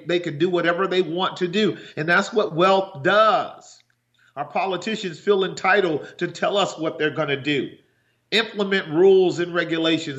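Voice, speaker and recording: A man's voice: fairly high pitch, a bit bright, lo-fi sound. An American man preaching a political sermon as a pastor speaking to his listeners, admonishing and emphatic, building his points through repetition. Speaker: pastor hosting a regular broadcast.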